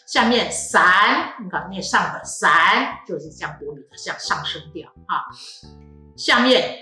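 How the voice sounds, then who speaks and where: A woman's voice: on the low side, lively intonation, unhurried, bright, forceful tone, roomy sound, soft background music. A woman language teacher explaining tone marks, patiently modelling syllables and stretching them out for the class. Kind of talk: classroom tone lesson.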